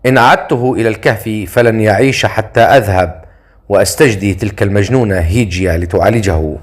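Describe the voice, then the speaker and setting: A man's voice: fairly low pitch, fairly quick, natural voice. A man voicing a young exiled princess, curt and cold, in a storybook reading.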